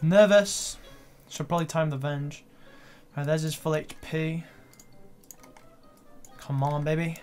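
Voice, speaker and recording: A young man doing live gameplay commentary, swearing and breaking into excited shouts. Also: a little high, slow, long pauses, faint music behind. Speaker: gaming video creator.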